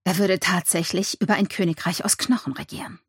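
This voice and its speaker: A brooding male god, guarded and terse, as a woman reads him in an audiobook. The voice stays measured and clipped, with a husky edge. The sound is close and dry. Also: on the low side, steady tone, no room sound. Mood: grim.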